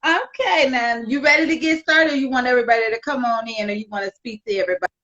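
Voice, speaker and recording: A woman's voice: on the high side, fast talker, fairly bright tone, highs cut off. A woman hosting a casual live-stream podcast interview, chatty and upbeat, laughing often. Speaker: podcast host.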